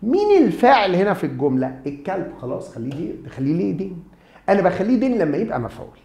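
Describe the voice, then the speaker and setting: A man's voice: sits high, very fast, gravelly, echoey room. A man with an Egyptian Arabic accent, a German teacher giving a lecture, asking questions and answering them himself. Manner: lively, asks and answers his own questions. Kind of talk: classroom lecture.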